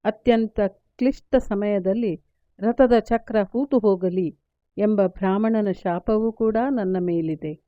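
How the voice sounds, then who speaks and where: A woman voicing a grieving, resolute male warrior speaking to his mother, in a measured, solemn read-aloud storytelling manner. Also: medium pitch, dry recording, lightly acted. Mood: sorrowful. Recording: tinny phone-like, dry.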